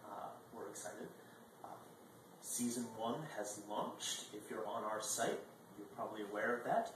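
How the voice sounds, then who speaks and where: A man in his twenties hosts a video blog from a dining room table, chatting casually and animatedly to the camera with sudden jumps in volume. His voice is lowish and his pace moderate. A distant camera mic picks up an echoey room and faint noise.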